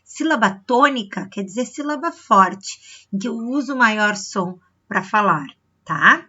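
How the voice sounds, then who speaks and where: A woman's voice: medium pitch, animated, unhurried, sharp tone, husky, highs cut off. A woman teacher from Brazil, giving a recorded review lesson to children, explaining step by step and often checking in with short questions. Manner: stretches words to show the stressed syllable.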